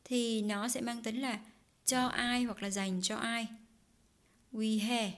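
A woman teaching a casual online language lesson, explaining slowly with many fillers and pauses. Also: on the high side, fairly even intonation. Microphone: desk mic while writing notes on screen.

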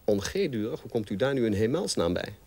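An actor playing a pompous, lecturing language scholar in a comedy sketch interview. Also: male voice, lowish voice, big pitch swings, fairly quick, a little mellow, no room sound. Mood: pedantic. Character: pedantic male language scholar doctor. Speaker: language expert guest.

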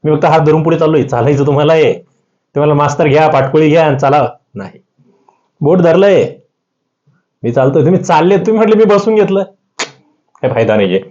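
A man with a Marathi accent teaching an exam-prep lesson, rising sharply in pitch on the key answers. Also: quick pace, darkish tone. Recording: slightly dull lo-fi audio.

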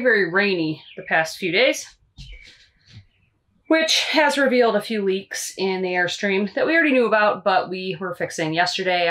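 A woman's voice: lowish voice, a bit bright. A woman in her thirties giving a casual, matter-of-fact renovation update inside a small travel trailer, talking close to a handheld camera. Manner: chatty and matter-of-fact, shrugging things off. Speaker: renovation vlogger. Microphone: handheld camera close to face.

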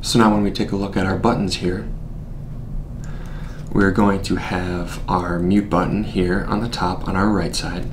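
A young man with a low, slightly slow voice presents a product from his desk in a small studio. He walks through each feature in a steady, explanatory manner for this scripted unboxing, with background noise audible throughout.

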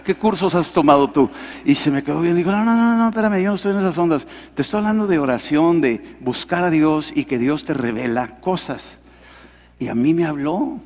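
Mexican pastor preaching in an echoing hall. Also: male voice, a little mellow. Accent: Mexican Spanish. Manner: storytelling, acting out dialogue with changing pitch. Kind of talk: sermon testimony. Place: large hall at a men's conference.

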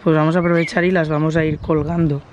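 A woman's voice: low-pitched, level tone, fast, a little mellow, lo-fi sound, a little hiss or hum. Chatty woman touring her garden outdoors. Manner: chatty, explaining as she walks around. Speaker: vlogger. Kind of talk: casual home tour vlog.

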